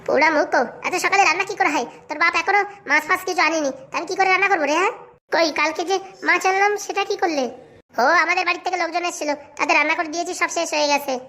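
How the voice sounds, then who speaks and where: Shrill, nagging cartoon wife, voiced by a woman. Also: very fast, bright, forceful tone, full character voice. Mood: scolding. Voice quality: shrill, scolding. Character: sharp-tongued nagging young wife. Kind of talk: cartoon voice acting.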